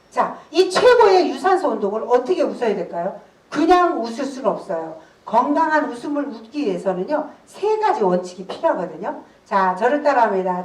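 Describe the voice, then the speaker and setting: A woman in her sixties giving a laughter therapy lecture, animated, breaking into loud laughs and shouts as she leads the group. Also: high-pitched. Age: 60s. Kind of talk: workshop lecture with call-and-response. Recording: roomy hall, voice from a distance.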